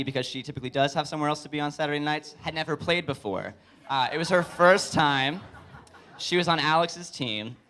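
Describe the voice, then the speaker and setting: A young adult man giving a wedding toast as best man, joking with deliberate comic pauses. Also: a little high, fairly bright tone. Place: live speech at a wedding reception.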